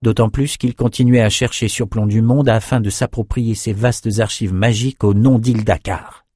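Low-voiced male audiobook narrator. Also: steady tone, moderate pace, warm tone, breathy edge, dry recording, clean studio sound.

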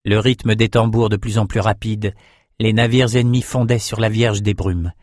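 A man with a fairly low voice narrates an adventure novel at an even, measured pace. The sound is dry and close, recorded on a studio mic. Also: dry recording. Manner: steady, measured storytelling. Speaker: audiobook narrator. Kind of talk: scripted narration.

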